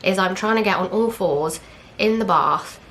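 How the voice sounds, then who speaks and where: A woman's voice: medium pitch, moderate pace, fairly bright tone, a little hiss or hum. A young woman from England, candidly telling a personal story in casual chat, acting out what others said. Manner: candid, chatty, retells with quoted dialogue and fillers. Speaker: vlogger.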